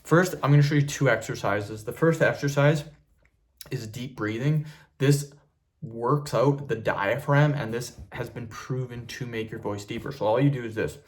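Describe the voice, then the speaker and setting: A man with a deep, firm voice speaking casually and emphatically to viewers as he teaches, like an online video host. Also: moderate pace. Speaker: YouTube host giving voice tutorials. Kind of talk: instructional talk to viewers, casual.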